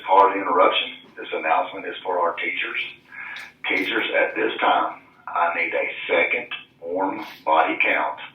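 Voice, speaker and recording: A man making a firm announcement to teachers over a school intercom, repeating his instructions. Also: low-pitched. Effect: school intercom loudspeaker. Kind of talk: public address announcement. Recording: distant, roomy, dull intercom sound.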